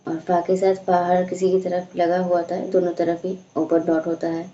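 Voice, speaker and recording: A woman teaching a slow, patient recitation lesson, explaining each sound and stretching out the recited words. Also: fairly low pitch, monotone, warm tone, slight background noise. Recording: echoey room, dull lo-fi sound.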